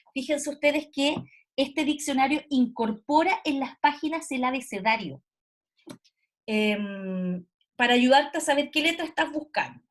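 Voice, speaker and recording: A woman teaching a class over a video call, explaining step by step and often checking in with her students. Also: high voice. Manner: explanatory, frequent "¿cierto?" check-ins.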